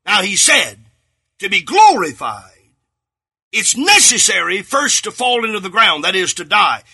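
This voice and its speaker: A man preaching a sermon with fervour, repeating phrases and rising to shouts on key words. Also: sits high, big pitch swings, unhurried, breathy edge.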